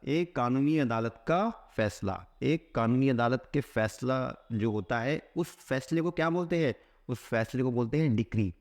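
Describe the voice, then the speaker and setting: Guy teaching exam vocab, asks then answers himself, reads english lines real slow. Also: medium pitch. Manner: asks a question, then answers it with a repeated keyword; reads English statements slowly, word by word. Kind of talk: explaining a vocabulary lesson.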